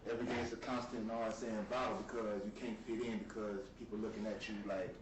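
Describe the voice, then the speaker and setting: Speaking quickly with a flat delivery and a lowish voice, this young South Florida man is a rapper appearing as a guest in a relaxed interview. His laid-back street slang is peppered with "you feel me," captured by a distant mic in a roomy, noisy space.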